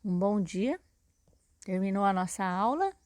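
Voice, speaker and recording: Her medium-pitched, darkish voice has lively intonation, and she speaks a little slowly with no room sound. A patient teacher with a Brazilian Portuguese accent, she explains her recorded lesson step by step, often adding "né?" and "tá?".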